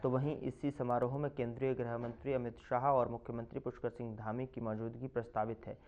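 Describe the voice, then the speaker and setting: Male news reporter, voice-over, emphatic delivery, mid-pitched, slightly muffled lo-fi sound. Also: flat delivery, a little fast, darkish tone. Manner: emphatic, punchy news read. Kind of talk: scripted news narration.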